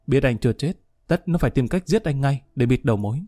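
A man's voice: medium pitch, expressive, quick pace, mellow, no echo, studio quality, lightly acted. A man doing a violent jealous young thug. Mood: tense.

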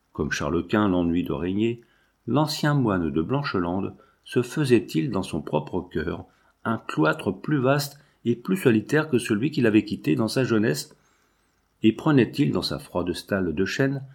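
A man with a low voice reads a classic novel aloud. His narration is measured and solemn. He gives the long literary sentences room. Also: creaky, slightly rough. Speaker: audiobook reader.

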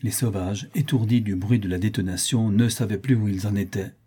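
A male audiobook narrator reading a first-person adventure. His voice is low, mellow and husky. He reads in a steady, measured way.

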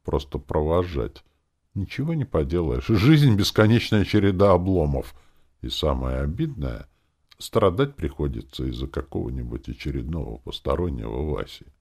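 A male audiobook narrator with a very low voice and a lively, swinging pitch. He reads in the first person, dry and wry. Comic moments get a light, knowing touch. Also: normal speed.

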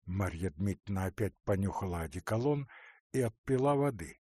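A man narrating a classic novel in a measured, expressive audiobook reading. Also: low-pitched, husky, no room sound, clean studio sound.

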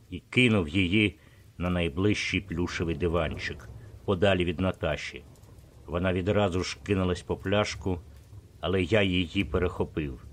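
A man reading an audiobook in the first person, in a steady, even manner. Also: sits low. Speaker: audiobook narrator. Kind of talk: scripted first-person narration.

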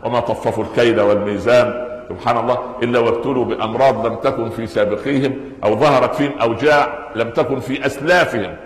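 A man with an Egyptian accent giving a Friday sermon lesson, asking the audience rhetorical questions and shifting between classical and colloquial Arabic. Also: mid-range voice. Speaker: preacher. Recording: echoey hall with long reverb.

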